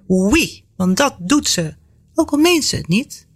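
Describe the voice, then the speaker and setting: A woman's voice: fairly high pitch, big pitch swings, measured pace, pitched above the performer's own voice. A woman voicing a playful, mischievous young girl who chirps and drops French words into her talk.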